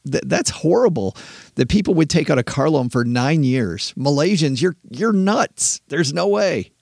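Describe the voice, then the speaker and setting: Guy cohosting a money show, chatty and quick, restarts a lot, dry close mic, mid pitch. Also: dry recording. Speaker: podcast co-host. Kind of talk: casual chat.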